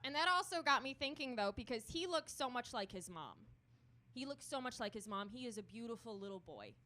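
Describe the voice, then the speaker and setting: A young woman performing a stand-up comedy set on a club stage, telling dark self-deprecating jokes with deadpan delivery. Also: fairly high pitch, fairly quick.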